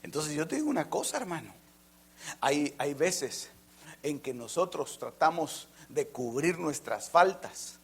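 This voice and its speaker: A man preaching a fervent sermon, jumping from loud emphatic lines to near-whispers and often addressing listeners as brother. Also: fairly high pitch, big pitch swings, unhurried, slightly rough. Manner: keeps calling listeners "hermano".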